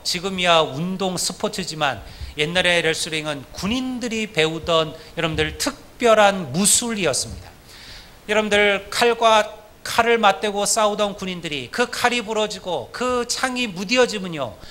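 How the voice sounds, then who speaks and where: Male pastor delivering a Sunday sermon; high, bright, earnest, speaking directly to the pews. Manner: earnest preaching, addressing the congregation often.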